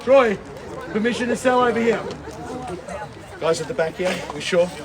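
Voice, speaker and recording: A man's voice: high-pitched, moderate pace, crowd noise. A man calling a property auction outdoors, emphatic and projected, repeating each call. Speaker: lead auctioneer. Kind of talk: auction calling to a street crowd. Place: outdoors on a residential street.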